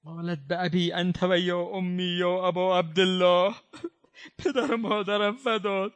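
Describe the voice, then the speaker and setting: A man giving a mourning sermon. He recites quoted lines slowly and drawn out, then explains them in plain speech, with fervent, impassioned delivery. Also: sits high, little pitch movement. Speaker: preacher.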